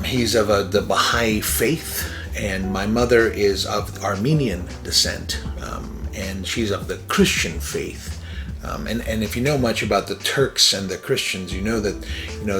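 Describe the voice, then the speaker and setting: A lower-pitched man from Iran talks through a personal story as host of his own show. He rambles and restarts, drops plenty of ums and you-knows, and chuckles between thoughts. Faint music plays quietly behind him. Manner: rambling, filler-heavy, self-interrupting. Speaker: podcast host. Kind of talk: casual personal monologue.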